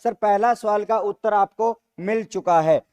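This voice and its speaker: Reading comments aloud during a live online grammar class, this man repeats every question and then answers it himself, addressing viewers as "sir" nonstop. He has a Rajasthani Hindi accent and a high, smooth, slightly mellow voice, and he's in no hurry.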